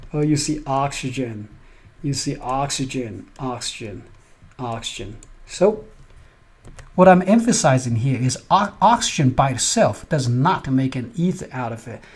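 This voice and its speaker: Husky-voiced man giving a chemistry lecture. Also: medium pitch, a little mellow. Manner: explains step by step, often asks "right?". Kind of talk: recorded lecture over slides.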